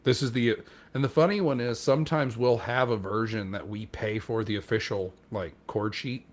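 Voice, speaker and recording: A man's voice: medium pitch, steady tone, normal speed. A man on a podcast telling a rambling, self-deprecating story in casual chat, acting out what other people said. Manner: acts out quoted dialogue. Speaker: podcast co-host.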